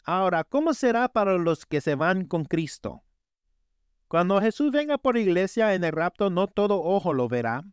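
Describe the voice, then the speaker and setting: High-pitched, smooth-voiced male preacher. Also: big pitch swings, moderate pace, no echo. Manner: earnest storytelling, cries out quoted voices. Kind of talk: sermon.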